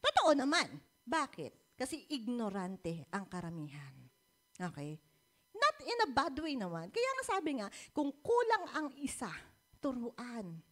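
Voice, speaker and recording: A woman's voice: fairly high pitch, measured pace. A woman with a Filipino accent preaching a church sermon, mixing Tagalog and English, often asking the congregation "di ba?" and laughing between points. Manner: animated, often asks the congregation "di ba?".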